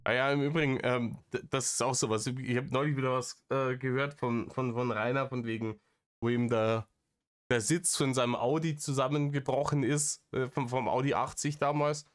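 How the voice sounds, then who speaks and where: A man's voice: medium pitch, steady tone, normal speed. A man giving sarcastic, rambling commentary on stream clips. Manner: sarcastic, rambling, restarts a lot.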